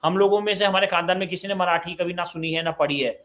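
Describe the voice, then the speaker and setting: A man's voice: sits high, steady tone, quick pace, fairly bright tone. Young man hosting an online parenting Q&A. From Uttar Pradesh, India. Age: 20s. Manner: reads out and answers audience questions conversationally. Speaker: parenting session host. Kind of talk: live online Q&A session.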